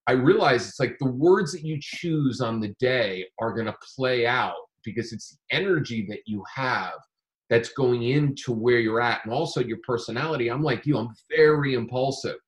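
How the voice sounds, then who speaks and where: A man talking casually about his day trading, animated and rambling, with frequent restarts. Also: mid-range voice, moderate pace. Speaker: day trader. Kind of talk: casual conversation.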